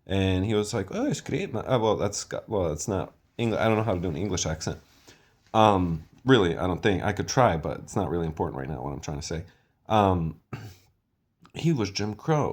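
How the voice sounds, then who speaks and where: A man talking in a rambling, hesitant monologue, full of fillers and trailing thoughts. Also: low voice.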